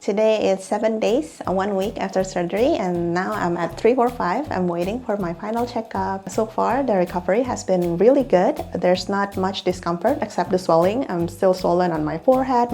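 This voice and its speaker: A woman's voice: mid-range voice, moderate pace, vocal fry, a little mellow. A young woman from Indonesia, chatting casually in a vlog about her recovery, with frequent little laughs and fillers. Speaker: clinic employee and patient.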